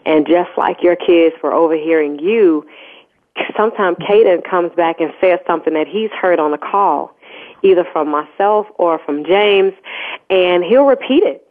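A woman hosting an interview, chatting in a relaxed way. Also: on the low side, a little slow. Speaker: host. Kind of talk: casual interview conversation. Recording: tinny phone line.

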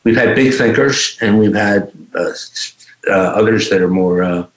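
A mature man speaking as a guest teacher, reflective and halting, often restarting his phrases. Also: on the low side. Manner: halting, with repeated starts. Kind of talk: reflective unscripted talk. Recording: echoey room sound.

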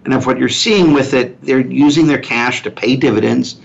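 A man giving unscripted financial commentary as a portfolio manager, halting and restarting his phrases. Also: medium pitch, vocal fry. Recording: dull lo-fi sound, faint noise.

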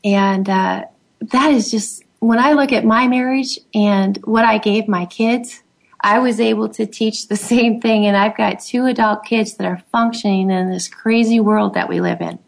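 A middle-aged woman, the guest on an interview show, speaking in a heartfelt and halting way, with many fillers. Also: mid-range voice, fairly even intonation, creaky. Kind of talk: emotional personal conversation.

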